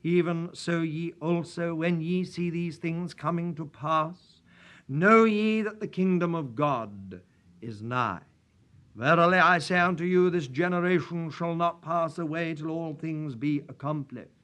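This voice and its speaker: A man preaching from the pulpit, his voice picked up by a pulpit microphone. He sits a little high for a man and speaks unhurriedly, with solemn, measured phrasing in old-fashioned prayer wording. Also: a bit bright. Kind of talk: sermon with prayer and scripture reading. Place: church.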